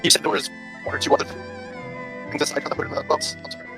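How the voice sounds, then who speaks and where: A man playing a tabletop game over an online voice call, his audio breaking up and sounding robotic as he talks in a halting, apologetic way. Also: over music. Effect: choppy robotic call audio breaking up. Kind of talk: casual online game chat.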